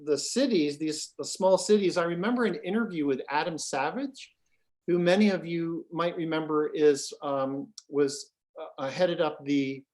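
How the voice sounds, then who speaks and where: A man's voice: on the high side, normal speed, darkish tone. A man co-hosting a casual chat over a video call, rambling and hesitant with many fillers. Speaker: co-host.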